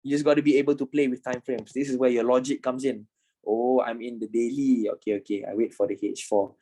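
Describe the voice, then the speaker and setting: A man's voice: mid-range voice, little pitch movement, fast, mellow, poor audio. A man in his twenties, a trading instructor talking informally in an online class, repeating himself and swearing casually. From Malaysia. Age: 20s.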